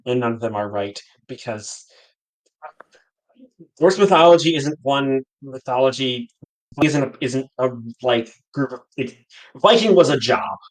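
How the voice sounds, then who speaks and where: A man's voice: mid-range voice, expressive, measured pace, low-quality recording. Man explaining fantasy lore. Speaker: podcast co-host. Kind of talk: casual chat.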